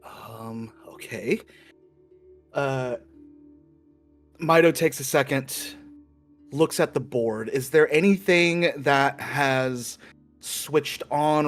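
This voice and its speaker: Slow, halting man describing his character's moves in a tabletop game. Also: mid-range voice, faint music behind. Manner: halting, many fillers. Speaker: player.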